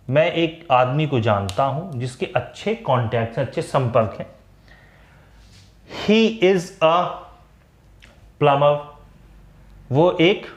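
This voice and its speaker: A man with an Indian accent teaching English grammar, explaining slowly and drawing words out. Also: mid-range voice. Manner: slow, deliberate explanation with words drawn out. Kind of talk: classroom-style explanation. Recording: echoey room.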